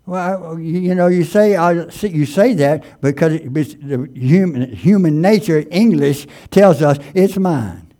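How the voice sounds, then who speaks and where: A man's voice: on the high side, dark tone. Man preaching a stammering, emphatic sermon. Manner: stammering, with many restarts and fillers; reads scripture slowly and emphatically.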